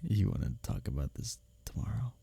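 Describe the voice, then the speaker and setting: A man takes on the role of a smitten workplace rival who teases, speaking in an intimate romantic roleplay with halting, husky breathiness that frequently drops into a whisper. On the low side and warm, his full character voice swings widely in pitch. The feel is breathless and flirtatious.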